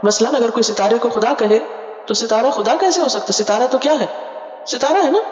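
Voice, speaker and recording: A woman's voice: a little high, a little mellow. A woman Quran teacher works through a scripture passage word by word. She asks her listeners questions, answers them herself, and explains each term patiently with English glosses. The sound is dull and lo-fi, with a roomy hall echo trailing after her words. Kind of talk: word-by-word scripture tafseer lesson.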